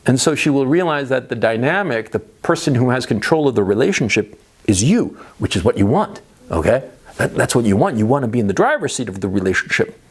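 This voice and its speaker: A man's voice: mid-range voice, sing-song, brisk, breathy edge. A middle-aged man, a native Spanish speaker, coaching on dating in a monologue, repeating points and checking in with "right?" and "okay?". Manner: rhetorical questions, frequent "right?" and "okay?" tag checks; repeats himself for emphasis. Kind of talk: monologue giving dating advice.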